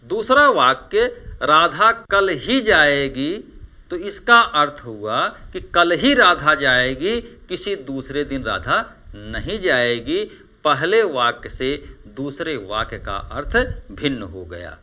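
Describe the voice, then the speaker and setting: A man teaching a Hindi grammar lesson, slowly listing example words one by one. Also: mid-range voice, very animated, pushed and bright. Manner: slow, deliberate listing of word examples. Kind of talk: exam-prep grammar lesson.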